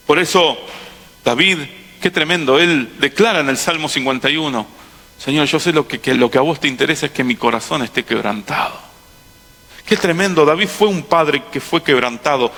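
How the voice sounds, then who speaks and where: Impassioned Rioplatense preacher in a hall. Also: male voice, medium pitch. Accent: Rioplatense Spanish. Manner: impassioned preaching, swinging from hushed to loud bursts. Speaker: pastor. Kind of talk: sermon. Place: large auditorium. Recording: long hall reverb.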